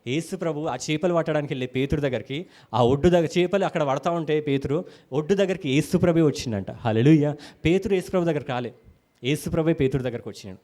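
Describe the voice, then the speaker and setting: A man with a Telangana Telugu accent preaching a sermon in a church, animated, acting out quotes and calling hallelujah to the congregation. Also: on the high side, quick pace.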